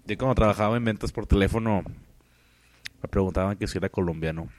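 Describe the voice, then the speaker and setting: Low-voiced joking podcast host man. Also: quick pace, darkish tone. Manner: joking, teasing banter. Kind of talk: casual chat.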